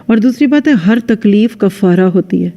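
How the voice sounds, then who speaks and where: A woman's voice: medium pitch, expressive, warm tone. A woman religious teacher giving a conversational lecture into a microphone, speaking straight to her listeners and acting out sample dialogues. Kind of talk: religious lecture to a women's audience. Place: lecture venue with a live audience. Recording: dull lo-fi sound with long hall reverb.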